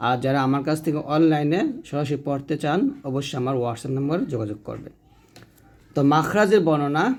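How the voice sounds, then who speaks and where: A man, teaching a recitation lesson slowly and drawing out sounds to demonstrate them. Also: fairly high pitch, darkish tone. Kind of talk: explanatory lesson.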